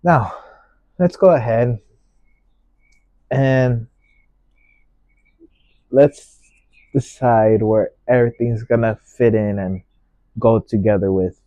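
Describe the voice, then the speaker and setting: A man giving an unscripted painting tutorial as a gentle, unhurried instructor, musing aloud in short phrases. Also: medium pitch, no echo, lo-fi sound.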